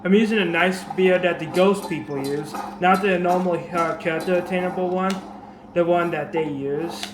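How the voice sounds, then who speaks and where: A gaming video creator, his voice a touch high and slightly raspy due to a dry, sore throat, narrates a game tutorial at an ordinary pace. His talk is rambling, dotted with ums, alrights and restarts. The camera mic leaves the sound echoey, with steady noise behind him.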